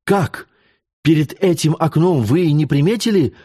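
A man's voice: on the high side, animated, measured pace, mellow, breathy edge. A man voicing a fiery young countess. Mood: agitated.

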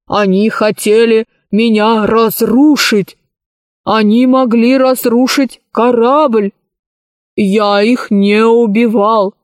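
A woman reading a children's story aloud, voicing a stubborn, literal-minded ship's service robot in a slow, measured way. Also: fairly high pitch, a little mellow, no room sound, clean studio sound.

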